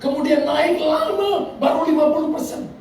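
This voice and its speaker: A man from Indonesia, preaching a sermon as a pastor in an animated way, acting out quotes and laughing between lines. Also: extremely high pitch, moderate pace. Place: large church hall. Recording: echoey hall from far off with noise.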